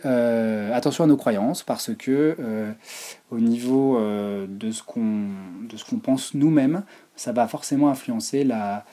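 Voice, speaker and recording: Man, physiotherapy lecturer, online class with slides, informal, dark voice, slightly raspy. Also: mid-range voice. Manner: informal, explanatory teaching tone.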